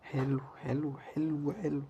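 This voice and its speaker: A man with an Egyptian Arabic accent giving live commentary as he plays a slot game, muttering and pleading with it and breaking into loud cheers. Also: on the high side, fairly even intonation, measured pace, highs cut off, a little hiss or hum. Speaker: gamer playing a slot game.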